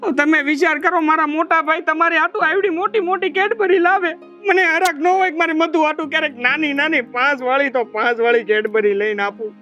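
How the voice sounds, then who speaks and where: A lovesick, whiny village brother-in-law. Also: male voice, very high-pitched, steady tone, fairly quick, hardly any pauses, bright, forceful tone, muffled recording, faint music behind. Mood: coaxing. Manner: whiny, pleading.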